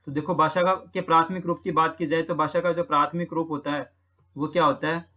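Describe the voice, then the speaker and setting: A man's voice: fairly high pitch, little pitch movement, fairly quick, sharp tone, highs cut off. A man from Rajasthan who teaches, patiently talking through practice exam questions and repeating each answer with frequent check-ins. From Rajasthan, India.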